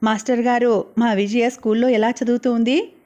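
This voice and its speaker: A woman voicing a caring young mother in an audiobook, speaking softly and tenderly, with worry underneath. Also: fairly high pitch, flat delivery, normal speed, lightly acted. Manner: soft, tender and coaxing.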